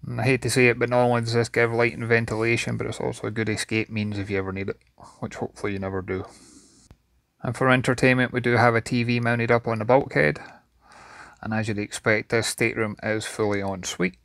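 A man's voice: medium pitch, level tone, quick pace, vocal fry, a bit bright, dry recording, clean studio sound. A man giving an enthusiastic walkthrough tour of a yacht's cabins and engine room, recorded inside the boat. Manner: enthusiastic, descriptive. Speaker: yacht reviewer.

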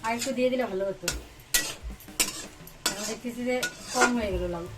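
High-voiced woman chatting through her chores. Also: fairly quick, heavy background noise. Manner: chatty, talks to viewers while doing chores; playful and laughing with her small son. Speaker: vlogger. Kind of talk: casual cooking and home vlog.

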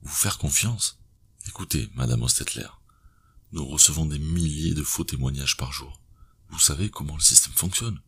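A man voicing an exasperated older police detective who talks curtly, in a husky, gravelly voice. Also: extremely low pitch, normal speed, fairly bright tone, heavily acted. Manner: curt, exasperated.

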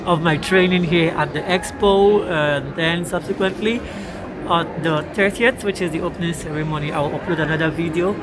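A woman's voice: fairly low pitch, moderate pace. A tired young woman vlogging from a large indoor hall on a phone held at arm's length, talking hesitantly with many ums and uhs. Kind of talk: casual vlog update.

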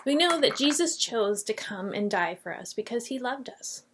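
A woman in her forties teaches a children's Bible lesson over a webcam at her desk, telling the story expressively and reading scripture aloud. Her voice sits on the high side with lively intonation and a normal pace. She's indoors in a small painted classroom office, with some background noise.

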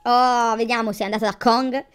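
A woman's voice: on the high side, steady tone, brisk, clear, resonant tone, faint music behind. A woman giving casual, chatty commentary on her gameplay, thinking aloud and exclaiming as she goes. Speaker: gamer.

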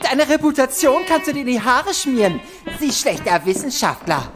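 Youth audio-drama sidekick, female actor: high-pitched, indignant, scornful young sleuth, music behind. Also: sing-song, normal speed.

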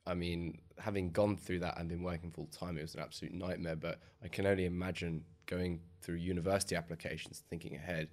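Male podcast host, deep voice, polished upbeat intros, boom mic. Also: little pitch movement, quick pace, hardly any pauses, darkish tone. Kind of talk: podcast interview. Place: podcast studio. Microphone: boom mic on arm.

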